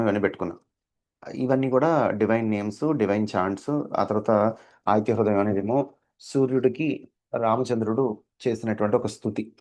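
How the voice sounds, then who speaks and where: Low-voiced man giving a devotional discourse. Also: darkish tone. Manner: explanatory, asks listeners "understood?"; slips in English words. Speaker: spiritual teacher.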